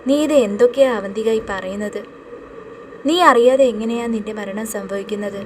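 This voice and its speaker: A frightened young man demands the truth with urgent, questioning words, read by a woman narrator. His mid-pitched delivery suits a horror audio story. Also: normal speed, slight background noise, natural voice. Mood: bewildered.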